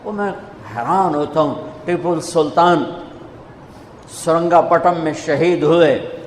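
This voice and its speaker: Male preacher, emotional storyteller, a touch high, roomy hall sound with faint hiss. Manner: emotional storytelling, rising to fervent emphasis. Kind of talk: sermon. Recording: echoey hall reverb, faint background noise.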